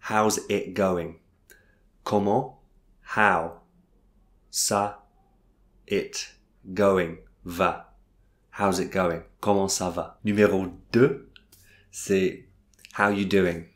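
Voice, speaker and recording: A man's voice: low-pitched, fairly even intonation, very slow, pauses often. An Englishman speaking French as a second language, teaching English phrases in a hesitant way, with many fillers and restarts. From England. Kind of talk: video language lesson.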